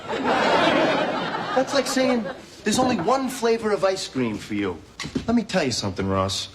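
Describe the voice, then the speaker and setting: A man's voice: sits high, sing-song, measured pace. An actor playing an easygoing young man giving dating advice, playful and laughing through his lines. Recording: noisy TV clip audio.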